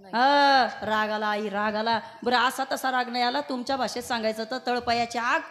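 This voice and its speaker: Woman kirtan preacher, high voice, emphatic storytelling to a village crowd. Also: fairly even intonation, normal speed, fairly bright tone. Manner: calls the audience to answer, emphatic. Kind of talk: devotional kirtan sermon storytelling. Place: village devotional gathering.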